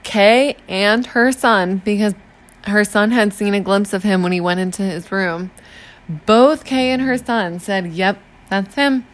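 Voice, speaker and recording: A chatty woman telling a true crime case to a friend with slangy asides. Her pitch sits in the middle for a woman. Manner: chatty, slangy, acts out police in quick asides. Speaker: podcast co-host narrating a true crime case. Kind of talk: casual storytelling chat.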